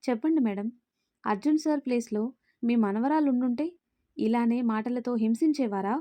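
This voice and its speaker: An earnest, outspoken young woman who pleads and stands firm, from a spoken storybook, read by a woman. The voice is fairly high and mellow, with a dry, close sound. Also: normal speed, dry recording, lightly acted. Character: young woman, a firm and caring caretaker of a little girl.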